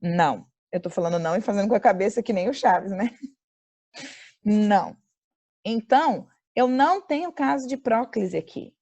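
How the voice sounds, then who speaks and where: A woman with a Brazilian accent teaching an online grammar class over a video call. She slows down to dictate example sentences and quizzes her students. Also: mid-range voice, animated, darkish tone. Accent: Brazilian Portuguese.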